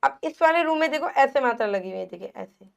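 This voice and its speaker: A woman teacher giving a lesson to young children, sounding out syllables slowly and asking them questions. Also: sits high, expressive, vocal fry. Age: adult. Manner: slow, drawn-out sounding of syllables; asks the children questions and repeats answers.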